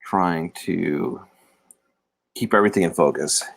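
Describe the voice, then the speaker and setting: A man's voice: low-pitched, unhurried, gravelly, dry recording. A man hosting a casual livestream, rambling and self-deprecating as he talks to viewers from a room. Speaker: livestream host. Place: indoor room. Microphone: phone or laptop camera mic.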